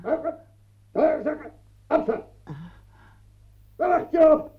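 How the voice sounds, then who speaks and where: A man's voice: very high-pitched, lively intonation, slow, exaggerated voice. An actor in a radio play voicing a domineering man who barks drill orders and mocks his victim. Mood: barking drill. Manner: barking commands, mocking, relentless. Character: domineering male tormentor, barking drill orders. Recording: dull lo-fi old radio recording.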